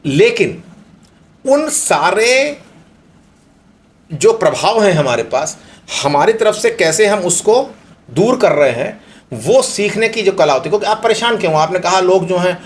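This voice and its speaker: A man's voice: high-pitched, sing-song, unhurried, pauses often. A middle-aged man from India, speaking as a guest in an unscripted interview, explaining philosophical ideas through everyday examples.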